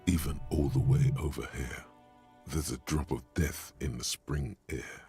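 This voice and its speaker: A man voicing the narrator of a video game, speaking slowly in a deep gravelly voice. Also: fairly even intonation, mellow, soft background music. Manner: slow, measured scripted narration.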